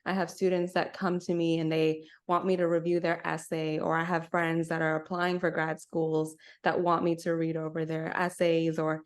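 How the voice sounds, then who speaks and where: This podcast co-host, a young woman from the Bahamas, has a deep voice with little pitch movement, a moderate pace and few pauses. Chatting casually and reflectively over a video call, she introduces herself and frequently uses "kinda" and "right?".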